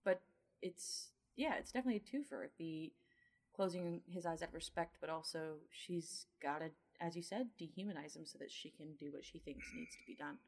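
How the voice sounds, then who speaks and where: A woman's voice: low-pitched, brisk, a little mellow. A woman co-hosting a casual podcast chat, thoughtful and weighing both sides. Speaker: podcast co-host.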